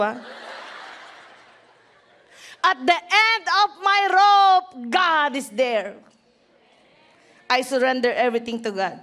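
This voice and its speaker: High-voiced woman pastor preaching. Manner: animated storytelling, laughing and shouting, dropping to soft low tones. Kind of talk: testimony sermon.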